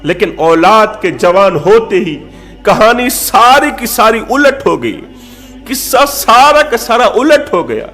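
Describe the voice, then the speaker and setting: A man preaching a moral story to his listeners. His voice is high-pitched for a man, and he drives his points home by restating each phrase. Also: very animated, bright, forceful tone, soft background music. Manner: emphatic, repeats phrases. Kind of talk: sermon storytelling.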